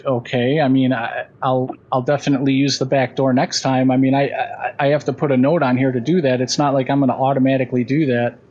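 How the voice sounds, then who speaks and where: Man, delivery driver, car speakerphone call, calm, apologetic, muffled line. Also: medium pitch, brisk, few pauses. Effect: phone call from a car on speakerphone. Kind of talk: phone conversation.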